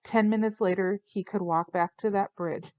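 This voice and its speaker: A woman giving steady first-person audiobook narration. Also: medium pitch, normal speed, no echo. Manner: steady, storytelling. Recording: dull lo-fi dry recording.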